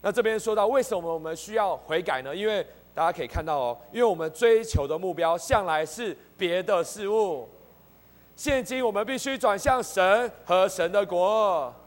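High-pitched guy leading a church bible study, keeps repeating stuff, echoey hall. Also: moderate pace. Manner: earnest, repeats key points, calls the group to read along.

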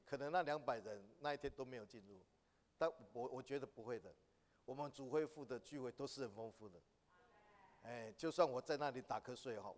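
A man teaching a church class, asking his listeners questions and rising to emphatic exhortation. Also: a little high. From Taiwan. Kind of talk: church training lesson. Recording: long reverb of a hall.

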